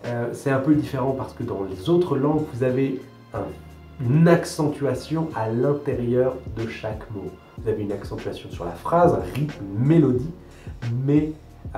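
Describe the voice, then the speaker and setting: A young man from France explains pronunciation to his viewers in a didactic, emphatic way, hammering points home by repeating them. His voice is mellow and relaxed. It is recorded in a roomy, echoey space with soft guitar music underneath. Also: mid-range voice, moderate pace. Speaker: language coach. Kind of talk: talking-head language advice video.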